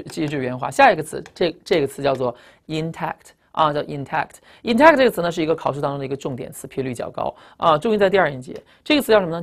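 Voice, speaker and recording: In a recorded lecture, a woman whose first language is Chinese teaches English vocabulary emphatically, posing rhetorical questions and spelling out word roots. Her voice sits low.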